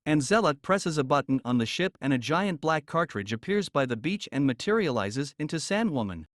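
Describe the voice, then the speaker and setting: A young man narrating an amateur audiobook in a steady, plain storytelling manner. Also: on the high side, moderate pace, dry recording, clean studio sound.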